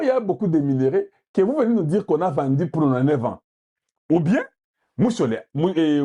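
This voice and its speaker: A man from Congo with a Congolese French accent, delivering heated, forceful political commentary and repeating points for emphasis. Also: medium pitch, breathy edge. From Democratic Republic of the Congo.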